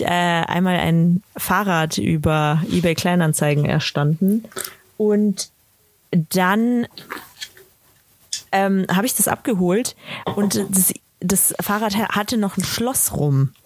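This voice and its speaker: A woman's voice: on the low side, slow. A young woman co-hosting a podcast in casual chat, who laughs easily.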